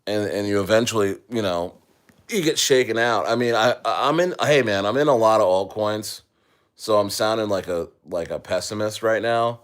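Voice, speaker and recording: A man's voice: lowish voice, moderate pace. A man hosting a casual livestream, rambling with many fillers and talking straight to his viewers. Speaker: livestream host.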